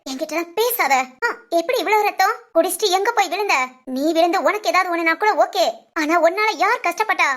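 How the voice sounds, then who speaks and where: A woman voicing a young adult daughter in a doll-film drama, sharp-tongued at first and tender underneath. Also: very high voice, fast talker, voice pushed up. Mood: angry scolding. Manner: scolding then tearful.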